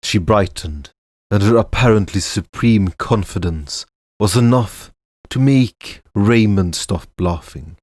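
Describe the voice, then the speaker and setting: A man narrating a fantasy story in a measured, even storytelling way. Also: deep voice, dry recording, studio quality. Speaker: narrator and voice actor.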